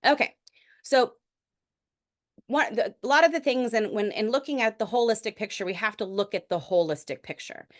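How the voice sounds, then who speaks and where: A woman's voice: fairly high pitch, normal speed. A middle-aged woman physician giving a lecture in a conversational, explanatory way, with frequent restarts. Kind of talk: recorded medical lecture.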